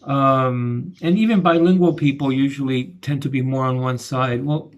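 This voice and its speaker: A middle-aged man talking through a casual video commentary, halting and restarting often. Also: mid-range voice, muffled recording. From grew up between the United States and Argentina. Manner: halting, many restarts and fillers. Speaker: channel host giving commentary.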